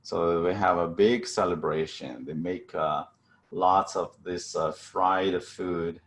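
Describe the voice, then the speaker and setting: A middle-aged man from China with a Chinese accent, giving a halting seminar talk over a video call with many fillers and restarts. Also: low voice, a bit bright. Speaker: guest speaker.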